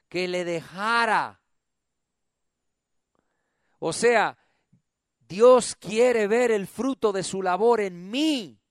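A middle-aged male pastor preaching a sermon, calling on the congregation to repeat after him and swinging between loud and soft. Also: high-pitched, dry recording, studio quality.

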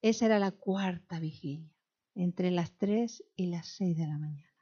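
A woman's voice: lowish voice, unhurried, mellow, breathy edge. Dramatic woman preacher, dull recording. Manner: dramatic, acts out scenes, drops to whispers and rises to cries. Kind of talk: sermon.

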